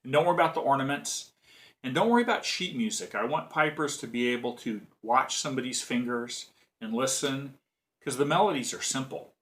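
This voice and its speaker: A man gives a relaxed, unscripted bagpipe lesson in a mid-range voice. He explains things in a rambling way, often stopping to restart his sentences. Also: medium pitch, fairly quick. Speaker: bagpipe teacher. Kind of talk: casual spoken music lesson.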